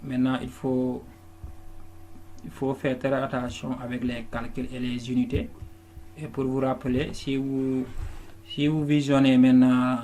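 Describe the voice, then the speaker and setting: A man's voice: medium pitch, level tone, measured pace, mellow. A man teaching a lesson, working patiently through an exercise step by step, often restarting words and checking that students follow. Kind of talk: classroom lesson walkthrough. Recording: faint background noise.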